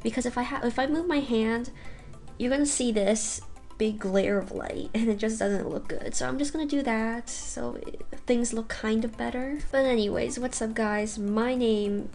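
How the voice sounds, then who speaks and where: A teenage girl who vlogs about figure skating talks casually to her webcam in a carpeted basement room at home, explaining a beginner workout over soft background music. She's recovering from a cold, chatty, with light laughs and frequent "you guys." Her voice is a little high and darkish, at a moderate pace.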